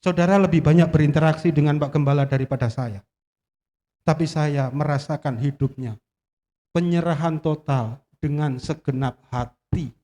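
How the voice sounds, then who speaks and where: A man giving an animated sermon as a guest preacher in a church, joking with the congregation and asking it questions. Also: on the high side, moderate pace, in a large hall.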